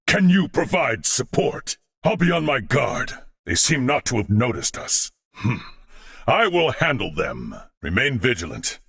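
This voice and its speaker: A gallant, disciplined video game warrior speaks in a forceful, gravelly, exaggerated male voice that swings widely in pitch. Proud and resolute, he declaims everything crisply in a formal, archaic, theatrical manner.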